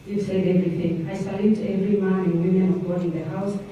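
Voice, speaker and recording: A woman's voice: mid-range voice, little pitch movement, quick pace, noisy background. Kenyan gospel singer, woman, preachy and devout, heard from a distance with heavy echo. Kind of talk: religious address. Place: large echoey hall. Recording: echoey hall from far off.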